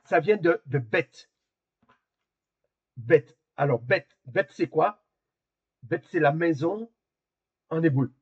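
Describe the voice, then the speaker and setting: A man's voice: a little high, expressive, takes it slowly, long pauses, breathy edge, muffled recording. A man teaching a Hebrew lesson over a video call, explaining hesitantly and repeating words as he goes. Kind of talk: online class explanation.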